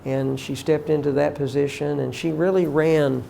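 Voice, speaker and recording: An older man, a college teacher, reminiscing about former staff in a heartfelt, halting way, often emotional and prayerful. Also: fairly high pitch, steady tone, creaky, warm tone, slight background noise.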